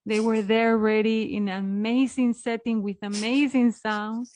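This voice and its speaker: A woman's voice: fairly high pitch, flat delivery, unhurried, darkish tone. Event host, woman, gushing and apologetic, loose live-stream delivery. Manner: effusive, apologetic, repeats "beautiful" and "amazing". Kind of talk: casual live-stream hosting.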